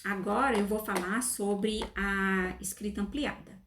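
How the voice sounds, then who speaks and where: A woman's voice: medium pitch, steady tone, measured pace, noisy background. A woman giving a careful, explanatory class presentation. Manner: careful, explanatory, with small restarts. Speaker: student presenter. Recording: echoey room.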